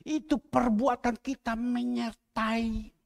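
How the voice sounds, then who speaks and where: A middle-aged man preaching a sermon as pastor in a church, moving between loud exhortation and quiet asides. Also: very high voice, steady tone, takes it slowly, vocal fry.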